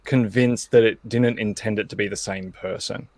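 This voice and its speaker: A man's voice: on the low side, fairly even intonation, normal speed, a little mellow. A man hosting an online table read over a video call, chatty and easygoing and laughing often. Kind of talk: casual video-call chat.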